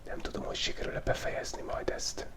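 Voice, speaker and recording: Speaking into a tiny microphone taped very close to his face, a YouTube drawing host from Hungary whispers as he sketches. Despite having a cold, he keeps up a playful ASMR patter full of jokes.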